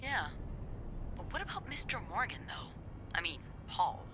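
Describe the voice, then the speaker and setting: In a mid-range, slightly slow delivery, an actress plays the young hotel receptionist of a mystery video game. Her casual talk is teasing and expressive, with a sly, sardonic playfulness, and there's background noise.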